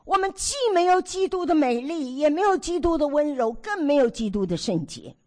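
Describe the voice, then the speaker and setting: An older woman in her sixties preaches to a gathering of women. Her voice sits fairly high, and it leaps up and down as she tells stories from her own life. She acts out scenes as she speaks. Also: moderate pace. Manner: animated storytelling, acts out her own past nagging. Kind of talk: sermon to a women's meeting.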